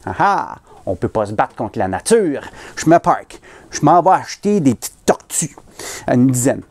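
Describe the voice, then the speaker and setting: Man, Québécois French accent, comic storyteller, lively pitch, self-mocking, conversational. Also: moderate pace. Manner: animated, punchline-driven, self-mocking. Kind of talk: comedic storytelling performance.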